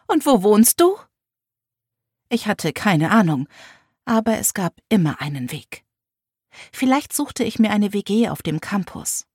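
A young woman reads a first-person audiobook with an intense, emotional delivery. Her voice is husky and breathy. It sits close on the mic in a dry, dead room. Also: medium pitch, expressive, measured pace, a little mellow, dry recording. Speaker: audiobook narrator.

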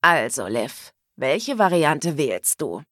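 A woman voicing a menacing, dominant gangster man with a rough, low voice, speaking slowly and threateningly. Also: very animated, fairly bright tone, no room sound, clean studio sound, full character voice.

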